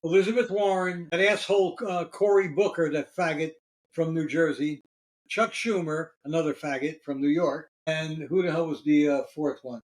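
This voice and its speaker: A man's voice: fairly high pitch, fairly even intonation, normal speed, low-quality recording. A man hosting a casual political chat show, talking in a blunt, heated and profane way. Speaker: podcast host.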